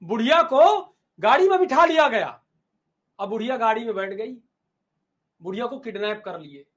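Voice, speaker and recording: Male teacher with a notably high voice. Lively storyteller who repeats lines for emphasis. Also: normal speed. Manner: animated storytelling, repeats phrases. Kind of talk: storytelling to students in a lesson.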